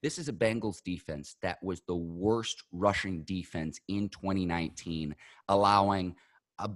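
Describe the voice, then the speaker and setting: Male sports podcast host with a fairly low pitch and dry, room-free sound. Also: measured pace, dry recording.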